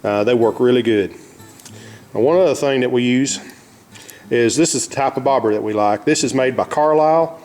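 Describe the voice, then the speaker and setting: A man's voice: medium pitch, normal speed, a little mellow, soft background music. A man with an Arkansas Southern accent giving a casual, folksy, plain-spoken how-to demonstration as host of a fishing vlog. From Arkansas, United States.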